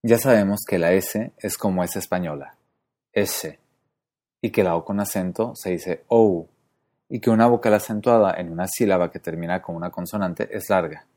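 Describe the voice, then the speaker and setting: A podcast host explains pronunciation methodically, spelling out letters and repeating sounds slowly. His voice sits low and is mellow.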